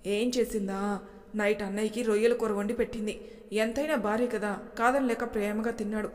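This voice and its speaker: A woman's voice: mid-range voice, steady tone, fairly quick, darkish tone, big-room sound, lightly acted. A woman voicing a blunt, protective young man who scolds and worries about his brother. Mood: worried.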